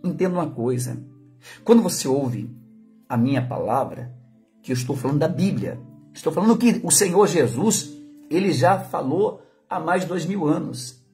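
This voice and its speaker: A Brazilian pastor with a high voice preaching in church. He is emphatic and swings from loud declarations to quiet asides. Soft music plays faintly behind him. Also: animated, moderate pace. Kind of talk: sermon.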